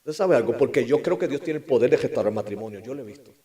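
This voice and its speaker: A middle-aged pastor preaching a sermon with passion, moving between loud declarations and quiet, hushed lines. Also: male voice, medium pitch, expressive, rapid-fire, a crowd in the background.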